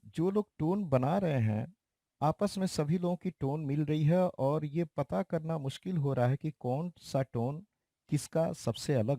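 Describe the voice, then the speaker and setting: A man giving a slow, explanatory keyboard tutorial in a casual way, talking straight to his viewers. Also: fairly high pitch, mellow, no echo, studio quality. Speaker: keyboard teacher. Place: recording studio.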